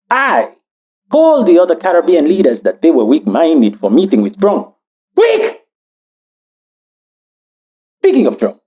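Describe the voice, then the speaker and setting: A woman playing a vain, boastful talking mustache that belongs to a politician, ranting in grandiose bursts with sudden shouts in a comedy sketch. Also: mid-range voice.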